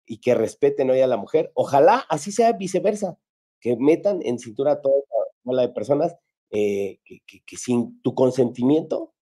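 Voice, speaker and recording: A Mexican man hosting a casual talk show, recounting what he saw on the job. His voice is dark and mellow at a middle pitch, and he talks with frequent fillers and false starts. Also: lively intonation, moderate pace. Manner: storytelling, many restarts and fillers. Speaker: show host, paparazzo. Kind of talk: casual chat.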